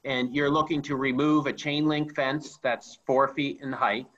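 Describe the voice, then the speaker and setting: A man's voice: medium pitch, flat delivery, measured pace, dull audio, heavy background noise. A man chairing a town zoning board meeting over a video call, restating points with some repetition. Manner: repeats and restates points carefully.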